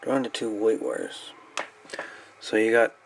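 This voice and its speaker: His voice is fairly low and creaky, swinging widely in pitch and running a little slow. A hobbyist radio repairer, he presents a hands-on repair at an indoor workbench, speaking casually, matter-of-factly and unscripted, on a noisy amateur camera recording.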